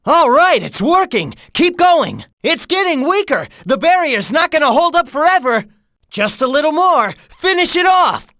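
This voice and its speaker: A man voicing a cocky, upbeat young cartoon hedgehog hero in a video game, with an American accent and breezy, energetic delivery. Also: high voice, moderate pace, no echo, clean studio sound, exaggerated voice. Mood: triumphant, urging. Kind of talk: video game character dialogue.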